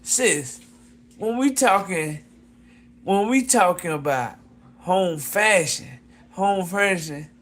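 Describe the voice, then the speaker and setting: A man with a high, bright, forceful voice chats casually and unhurriedly with his viewers. He talks loosely, circles back over the same phrases and keeps addressing someone as "sis". Excited whoops and chuckles break up his talk. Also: slow pace, long pauses. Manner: exclamatory whoops and laughs. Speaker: fashion designer pitching his brand. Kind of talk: casual live chat with viewers.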